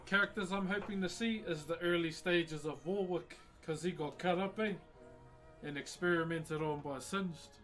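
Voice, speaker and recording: A man's voice: on the high side, moderate pace, a bit bright, faint music behind. A man with a broad New Zealand accent chatting casually to livestream viewers in a laid-back, slangy, matey way. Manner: laid-back, slangy, addressing viewers as bro and mate-like pals. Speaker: livestream host, woodcarver.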